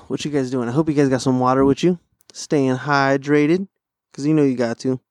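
A man's voice: mid-range voice, darkish tone, no echo, clean studio sound. A young man, audibly stoned, rambling in slangy, sweary, laid-back podcast chat and repeating himself. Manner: profane, repeats phrases. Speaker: podcast host.

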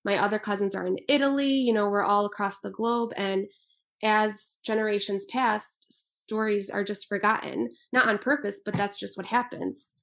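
Gravelly-voiced young woman author. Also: medium pitch, fairly even intonation, normal speed. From Albania. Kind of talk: interview answers.

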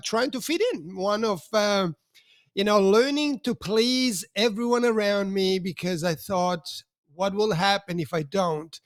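A man's voice: high-pitched, no echo, clean studio sound. A man in his fifties from Switzerland, an enthusiastic interview guest who talks with many fillers and restarts. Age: 50s. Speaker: podcast guest, mentor. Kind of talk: conversational interview.

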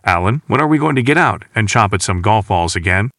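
Narrator doing a chummy relaxed president guy, low lively voice. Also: a little fast, no room sound, clean studio sound. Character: male president, easygoing and chummy.

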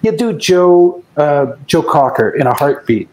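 A man's voice: fairly high pitch, very animated, a little slow, darkish tone, rough recording. A man, a guest musician, telling rambling anecdotes in a casual interview, often restarting his sentences.

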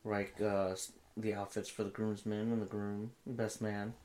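Man, podcast co-host, low voice, dry teasing, casual chat. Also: level tone, unhurried, a little mellow.

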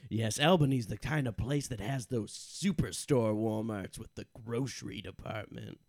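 A man's voice: medium pitch, normal speed, vocal fry, a little mellow, dry recording, studio quality. A man playing a grandiose, gushing travel narrator, theatrical and drawn out, in improvised comedy. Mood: grand, gushing. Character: grandiose male travel narrator, gushing over small cities.

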